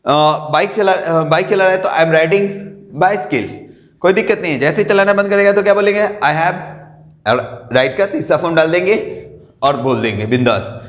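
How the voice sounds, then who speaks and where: A man teaching an English grammar lesson in a classroom, animated, quizzing his students and having them call out the answers. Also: high-pitched. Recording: echoey classroom, long reverb.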